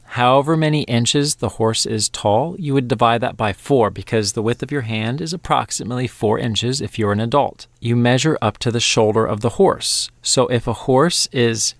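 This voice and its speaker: A man's voice: mid-range voice, moderate pace, hardly any pauses, dry recording. A man hosting a children's science podcast, explaining facts step by step in a playful, friendly way. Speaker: host of a kids' science podcast. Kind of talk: educational podcast narration for children.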